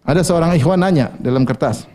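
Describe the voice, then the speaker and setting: A man's voice: fairly high pitch, a little fast, dark tone. A male preacher giving a sermon, asking the audience questions, answering them himself, and quoting Arabic scripture with translations.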